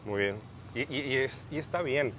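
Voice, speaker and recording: A man's voice: medium pitch, moderate pace, fairly bright tone, slight background noise. A young man hosting a casual podcast, thinking aloud with frequent restarts and fillers. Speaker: podcast host.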